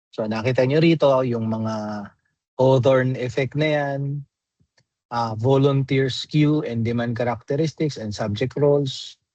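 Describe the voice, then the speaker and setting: A man's voice: medium pitch, darkish tone, dry recording. A man giving an online graduate class lecture, explaining patiently and constantly checking in with his students through tag questions. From Philippines. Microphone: computer mic in a video call.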